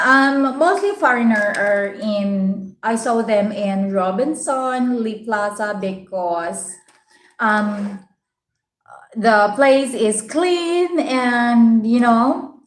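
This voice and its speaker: Slow-paced woman with a Visayan Filipino accent. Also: on the high side. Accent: Filipino, Visayan (Bisaya). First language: Bisaya. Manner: polite, halting delivery. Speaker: livestream host. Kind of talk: casual live chat, answering viewers' comments. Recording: roomy, echoing room sound.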